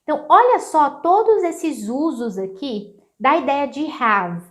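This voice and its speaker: A young Brazilian woman with a Brazilian Portuguese accent, teaching an English lesson in an upbeat way and repeating phrases slowly. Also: sits high, expressive.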